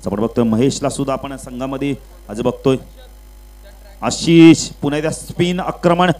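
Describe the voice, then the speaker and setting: A man giving live play-by-play commentary at an outdoor local cricket match over a public address microphone, getting louder and higher on runs and wickets and calmer between balls, with English cricket terms mixed in. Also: normal speed, rough recording. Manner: mixes English cricket terms into his talk.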